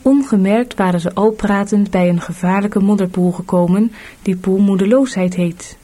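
A woman narrating a storybook audiobook in a measured, clear reading. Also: mid-range voice, steady tone, warm tone.

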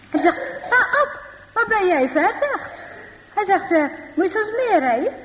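A woman, likely older, telling a children's Bible-school story in a lively way, voicing the characters and often adding little tag questions. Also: sits high. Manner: lively, with frequent tag questions and voiced dialogue. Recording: dull recording in a reverberant hall.

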